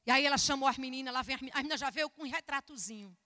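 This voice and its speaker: High bright woman preaching, echoey hall. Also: very fast. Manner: animated storytelling, acting out dialogue. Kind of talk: sermon testimony. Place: church service.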